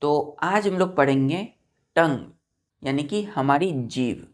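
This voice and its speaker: A woman's voice: deep voice, animated, slow pace. A woman with an Indian accent teaching a school science class, spelling words letter by letter and often checking that the children understand. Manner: patient, repeats and checks with "clear?".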